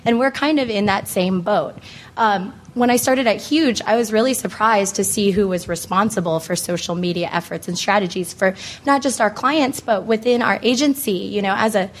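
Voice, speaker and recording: An American woman moderating a panel, hoarse from laryngitis, speaking in a casual, conversational way with plenty of filler phrases like "you know". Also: mid-range voice, normal speed. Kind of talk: informal panel introduction to an audience.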